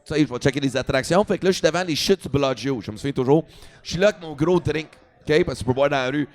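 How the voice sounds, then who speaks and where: A man's voice: a little high, rapid-fire. A young adult man with a Quebec French accent, a comedian telling a story casually, swearing freely and mixing in English. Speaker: comedian guest. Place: podcast studio at a comedy festival.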